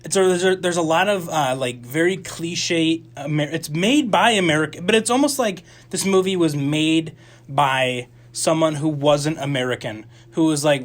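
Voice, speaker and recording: A young man co-hosting a campus radio movie show, talking casually in a rambling, animated way full of restarts and fillers. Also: a little high. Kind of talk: casual movie review chat.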